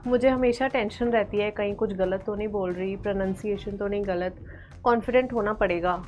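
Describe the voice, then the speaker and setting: A woman with an Indian accent voicing a nervous young female learner who speaks haltingly, with many fillers. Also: mid-range voice, a little mellow, dull audio, pitched below the performer's own voice, lightly acted. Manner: hesitant, halting, full of fillers.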